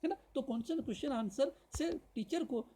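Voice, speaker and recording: A male teacher giving a lecture to trainee teachers, explaining in Hindi, often asking "right?", and reading points slowly. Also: very high-pitched, mellow, rough recording. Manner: addresses viewers directly with tag questions.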